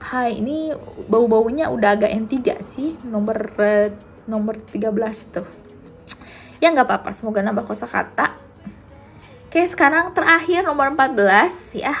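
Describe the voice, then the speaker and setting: A woman teaching Japanese on a live stream, chatting casually with viewers as she explains each answer slowly. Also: on the high side, creaky, faint music behind.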